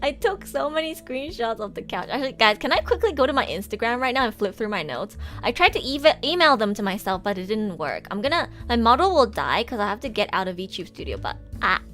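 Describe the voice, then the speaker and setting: Lively, animated young woman streamer. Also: a little high, quick pace, few pauses, faint music behind. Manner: animated, exasperated ranting with frequent laughs and swearing. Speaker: VTuber streamer. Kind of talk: casual livestream chat.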